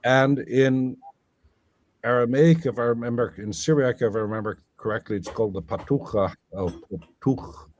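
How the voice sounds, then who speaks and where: A man's voice: medium pitch, normal speed, a little mellow. A scholarly man explaining at length in a conversation, thinking aloud with fillers and self-corrections. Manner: lecturing, thinking aloud with many fillers and restarts. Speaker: guest scholar. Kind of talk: academic conversation.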